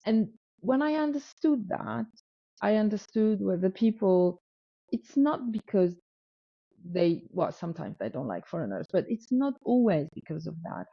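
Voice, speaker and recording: A North African woman with a French accent, guesting in a casual interview, tells a story and acts out quoted dialogue, often restarting and repeating words. Her medium-pitched voice is creaky and husky, swings widely in pitch, and moves at a moderate pace. The recording sounds dull and lo-fi, in a dry room with no room sound.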